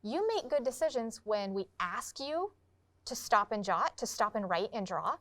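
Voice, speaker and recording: A woman teaching kindergartners in an online classroom lesson, a little tired but calm, patiently explaining classroom rules with affirming murmurs. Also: mid-range voice, moderate pace.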